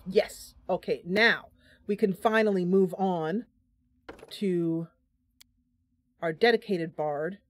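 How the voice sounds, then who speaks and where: A woman hosting her own game stream speaks slowly in a fairly low voice, leaving long pauses. She gives casual live commentary and thinks aloud about her choices while chatting with viewers.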